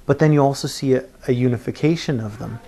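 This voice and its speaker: This preacher's voice is creaky and gravelly, dark in tone, and sits mid-range for a man as he casually explains a scripture passage. His delivery is halting, full of pauses and rewordings, and he keeps tacking "right?" onto his points.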